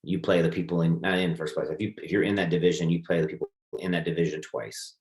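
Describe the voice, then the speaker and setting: A man's voice: deep voice, flat delivery, quick pace, a little mellow, roomy sound. A man co-hosting a casual fantasy football podcast, thinking aloud loosely with restarts. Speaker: fantasy football league co-host.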